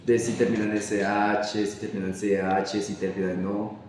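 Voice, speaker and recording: A young man works through grammar rules like a student teacher, pausing and restarting his sentences as he goes. His voice is mellow and dark in tone. It sounds far from the mic, in a room with a long, echoing reverb. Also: fairly low pitch, level tone. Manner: halting, self-correcting explanations. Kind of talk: classroom grammar explanation.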